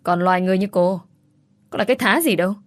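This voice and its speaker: A woman's voice: mid-range voice, quick pace, dry recording, close to an everyday voice. A woman voicing a spiteful young female rival who shrieks scornful accusations in a storybook reading. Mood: scornful, shrieking.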